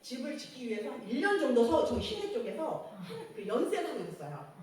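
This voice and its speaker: A woman sharing a church testimony, telling her story in a lively way, acting out quotes and laughing often. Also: sits high, brisk. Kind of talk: personal testimony. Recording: echoey room, distant mic, faint noise.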